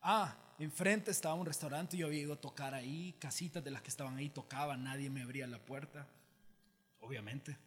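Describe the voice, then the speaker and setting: A pastor preaching in a large church auditorium, his fairly high voice trailing into a long hall reverb. He tells his story with humor and energy and acts out the lines of the people in it. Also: brisk. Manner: animated, humorous storytelling with acted-out quotes. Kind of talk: storytelling sermon.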